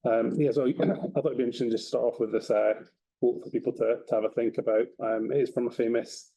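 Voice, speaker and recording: Over poor audio, a property company representative from Edinburgh, Scotland, talks conversationally as a webinar guest, repeating words in an easygoing manner. His mid-range voice is warm but flat, fast, with vocal fry.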